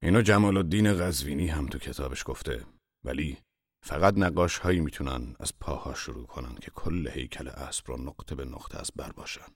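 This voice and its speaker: A man playing a gruff old master painter. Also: extremely low pitch, no room sound, studio quality. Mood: lecturing. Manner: gruff, scolding, then lecturing. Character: irritable old male master painter, learned and scolding. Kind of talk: audio drama acting.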